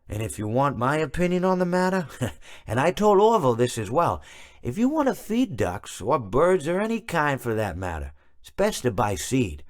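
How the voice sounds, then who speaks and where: A man voicing a rambling, absent-minded, cheerfully morbid animatronic in a video game, halting and correcting himself as he meanders. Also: mid-range voice, lightly acted. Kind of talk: theatrical video game character monologue.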